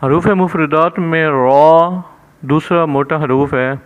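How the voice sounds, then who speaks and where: A man's voice: fairly high pitch, steady tone, smooth. A man with a Pakistani Urdu accent teaching Quran letter sounds step by step, holding the letters long and stressing them. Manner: drawn-out, emphatic letter sounds between plain explanations. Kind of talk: step-by-step recitation lesson. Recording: dull lo-fi recording.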